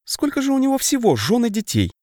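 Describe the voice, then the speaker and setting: A blunt young female warrior, played by a male narrator in a storybook reading, speaking up high and outspoken. The close, dry recording has no room echo. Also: wildly swooping pitch, fast, darkish tone, full character voice. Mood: curious.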